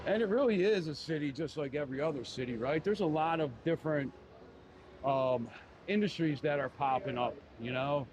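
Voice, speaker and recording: A man's voice: on the high side, normal speed, background noise. Chatty man with a Philly accent. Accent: Philadelphia. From Philadelphia. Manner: rambling, lots of fillers like "you know". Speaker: live-streaming walking vlogger. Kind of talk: casual live-stream chat while walking. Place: outdoors on a busy city street.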